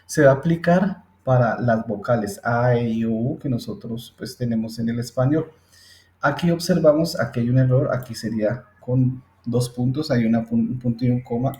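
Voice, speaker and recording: In a screen-recorded English phonetics lesson, a man patiently explains things step by step and often checks in with his listeners. His voice is mid-range and warm, his pace moderate, and the recording has a roomy echo.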